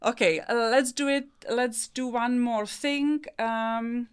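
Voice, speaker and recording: A woman's voice: fairly high pitch, fairly even intonation, takes it slowly, clear, resonant tone. A woman hosting an interview in an informal, chatty conversational way. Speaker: interview host.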